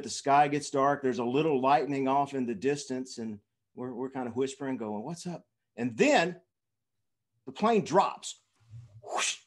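A man in his fifties tells a dramatic story as a keynote speaker. His voice sits a touch high for a man. He stumbles through fillers and restarts as he builds the tale.

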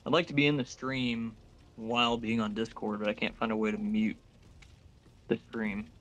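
A man talking as a friend over voice chat during a game stream, blunt and loud, swearing freely. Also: lowish voice, little pitch movement, normal speed, rough recording. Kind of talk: casual gaming banter.

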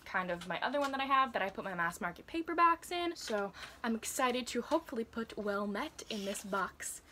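A woman's voice: on the high side, expressive, fairly quick, bright, forceful tone, a little hiss or hum. A woman, chatting casually and giggling often in a reading vlog filmed in her bedroom. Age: 20s. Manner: chatty and giggly, with frequent laughs and fillers. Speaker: book vlogger. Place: cluttered bedroom with bookcases, indoors.

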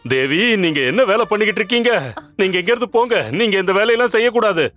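An actor playing an elderly royal priest who has become confused and fawning, talking in a pleading, servile way in a dubbed TV drama. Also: male voice, high voice, fast, a bit bright. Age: older. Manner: servile, pleading, then bossy. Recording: music score underneath.

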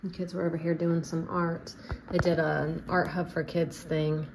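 A woman in her thirties vlogs about homemaking, casually talking through her cooking indoors and thinking aloud as she goes. She speaks low-pitched and level at a moderate pace, with vocal fry, over a noisy kitchen full of clicks.

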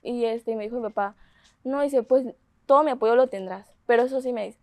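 A woman's voice: on the high side, brisk, no echo. A young woman in her twenties with a Mexican accent, eagerly telling her story in an interview and quoting others as she goes. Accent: Mexican Spanish. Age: 20s. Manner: animated retelling with quoted dialogue, laughing often. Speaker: pageant contestant.

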